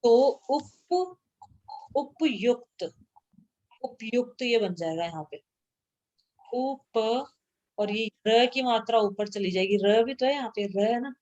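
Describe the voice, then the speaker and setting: A woman's voice: on the high side, unhurried, darkish tone, dull audio. A woman teaching a grammar lesson to a class, patiently repeating sounds aloud and checking that students follow.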